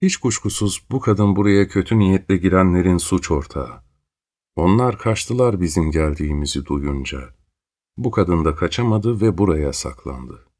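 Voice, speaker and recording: A man's voice: low voice, expressive, normal speed, a little mellow. A man voicing suspicious frightened men.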